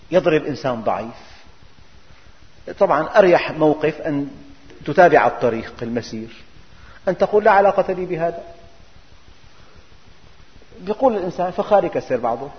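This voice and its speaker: Preacher, high voice, echoing hall. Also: male voice. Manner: rhetorical questions, emphatic. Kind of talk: religious lesson explaining scripture. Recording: dull recording, long hall reverb.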